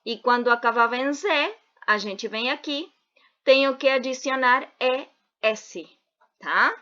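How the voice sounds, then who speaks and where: A woman teacher giving an online grammar lesson, talking slowly and deliberately and spelling out word endings. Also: a little high, sharp tone. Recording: dull lo-fi video audio.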